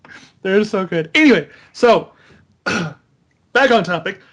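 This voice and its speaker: Man, high pitch, podcast host, unscripted critique, reading aloud with wry asides. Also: animated, slow pace, fairly bright tone. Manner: reads a character bio aloud, stopping to mock and correct it.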